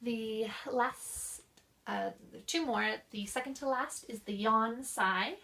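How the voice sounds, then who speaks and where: Young woman, slow, gravelly voice, instructional tone, a bit off-mic. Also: on the high side, bright, forceful tone, distant mic. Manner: demonstrates exercises with coughs, sighs and slow linked speech. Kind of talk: explaining voice exercises.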